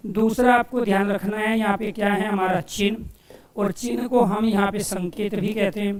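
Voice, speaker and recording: Man teaching grammar, dictating slowly. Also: high voice, fairly even intonation, reverberant, distant mic. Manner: repeats key phrases slowly as if dictating, asks and answers own questions; addresses listeners as dear friends. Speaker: exam coaching teacher. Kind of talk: Hindi grammar lesson for exam aspirants.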